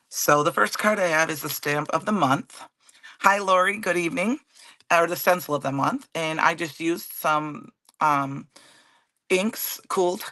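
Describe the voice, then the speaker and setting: Raspy hoarse woman hosting a crafting stream. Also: deep voice, a bit bright, no room sound. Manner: chatty, greets viewers by name. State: hoarse with a cold. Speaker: card-making livestream host. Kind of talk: casual live crafting demo.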